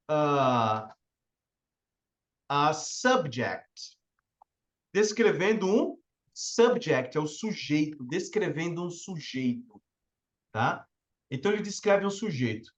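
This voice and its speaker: A man's voice: high voice, dull audio. A man with a Brazilian Portuguese accent teaching English in a live online lesson, explaining step by step and often checking in with his listeners.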